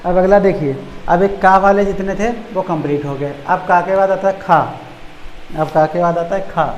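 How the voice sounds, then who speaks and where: एक पुरुष शिक्षक, जो परीक्षा के लिए पर्यायवाची शब्द धीरे-धीरे बोलकर लिखवाता है और हर शब्द कई बार दोहराता है।. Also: male voice, sits high, highs cut off. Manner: slow, repeats each word for note-taking. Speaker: teacher. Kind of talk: dictating exam vocabulary lesson. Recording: echoey room, faint background noise.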